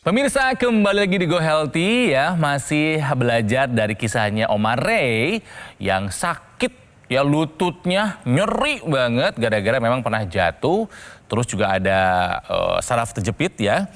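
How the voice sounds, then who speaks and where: A man hosting an infomercial, pitching to viewers in an emphatic, exhorting sales manner. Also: big pitch swings, measured pace, a bit bright, faint music behind. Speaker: TV infomercial host. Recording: reverberant hall-like room sound.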